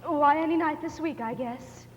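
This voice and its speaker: A teenage actress playing a polite, reserved young librarian in a stage musical. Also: female voice, sits high, moderate pace, lightly acted. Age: teens. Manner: polite and hesitant. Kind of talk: high school musical theater acting. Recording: hall stage recording, dull with hiss.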